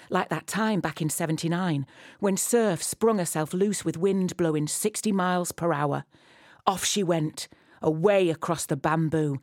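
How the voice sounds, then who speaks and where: A woman with a fairly low voice narrates a poetic guided piece. She speaks intimately, as though right in your ear, in a dry, close sound. Her delivery is measured and instructive, addressed straight to the listener. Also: a little mellow, dry recording. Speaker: audio walk guide.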